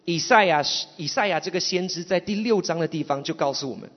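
Male sermon interpreter, Malaysian accent, high voice, halting phrases, muffled hall sound. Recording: muffled, long hall reverb.

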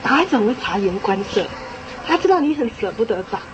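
A woman giving a lecture on parenting to an audience, lively and emphatic, repeating phrases and laughing lightly as she talks. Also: a little high, brisk, highs cut off, noisy background. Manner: frequent small laughs. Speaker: parenting speaker.

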